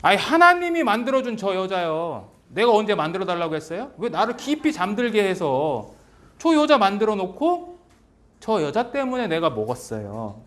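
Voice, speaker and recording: A cornered man whining out his excuses and pushing the blame away, as a preacher acts him out. He speaks high and swings widely in pitch. He sounds defensive and petulant. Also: very animated, moderate pace, fairly bright tone. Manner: whiny, blaming.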